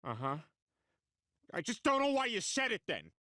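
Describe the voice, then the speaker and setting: An actor playing a dim, blustery middle-aged dad in an animated sitcom, goofy, rambling and blunt. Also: male voice, sits high, normal speed, no room sound, clean studio sound, heavily acted. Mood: casual, clueless.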